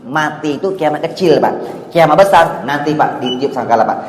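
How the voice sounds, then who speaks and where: A male preacher giving a storytelling sermon, tagging almost every phrase with a direct address to the listeners and swinging between loud and hushed. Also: a little high, brisk. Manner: addresses the audience with 'Pak' and 'Bu' after nearly every phrase. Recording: echoey hall with long reverb.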